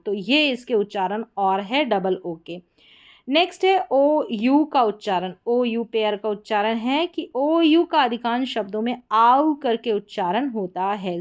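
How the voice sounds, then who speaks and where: A woman teaching English pronunciation in a lesson, explaining spelling rules and reading example words aloud slowly. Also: on the high side. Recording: dull, lo-fi sound.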